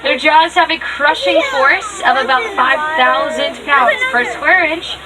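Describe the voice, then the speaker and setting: A woman's voice: high-pitched, unhurried. A woman giving live, upbeat tour commentary as a safari guide. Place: outdoors on a moving safari ride vehicle. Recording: distant mic, noisy open vehicle with passengers.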